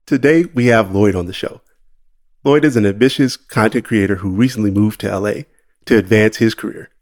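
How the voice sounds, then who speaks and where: Low-voiced man hosting a podcast. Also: a little fast. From Los Angeles. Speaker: podcast host, psychotherapist. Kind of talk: scripted podcast intro.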